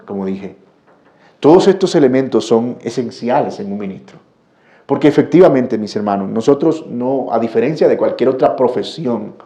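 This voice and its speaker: A male pastor delivers a sermon with earnest conviction, pushing into emphatic peaks when he drives a point home. His voice is mellow and warm in tone. The sound rings out through a reverberant church hall. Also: mid-range voice. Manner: earnest preaching, rising to emphatic bursts. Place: church sanctuary.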